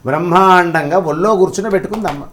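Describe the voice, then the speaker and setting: A man's voice: high voice, fast talker, a bit bright. A man telling devotional stories in conversation, emphatic, with rhetorical questions and acted-out quotes. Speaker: religious scholar guest.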